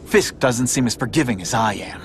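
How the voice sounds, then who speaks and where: A man's voice: medium pitch, lively intonation, fairly quick, very noisy, close to an everyday voice. A man voicing a young, cocky, wisecracking masked superhero in a video game, quippy and sarcastic. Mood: wry. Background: music.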